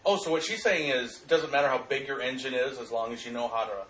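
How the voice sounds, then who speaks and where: A man chatting casually with friends while watching a video, cracking loud, crude jokes and swearing. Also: medium pitch, fast, slight background noise. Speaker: commentator. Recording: echoey room, far from mic.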